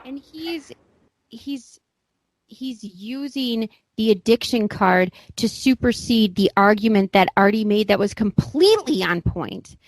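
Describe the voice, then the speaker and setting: A woman's voice: fairly high pitch, expressive, measured pace, no echo. A woman co-hosting a casual podcast discussion, emphatic and opinionated. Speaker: podcast co-host.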